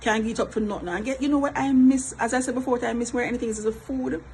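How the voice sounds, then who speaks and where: A woman's voice: fairly high pitch, steady tone, fast talker, a little mellow, a little hiss or hum, poor audio. A middle-aged Jamaican woman, a mother, talking in a chatty, repetitive vlog style with frequent laughs. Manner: chatty, repeats herself, laughs often. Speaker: vlogger, mother. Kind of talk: casual vlog talk.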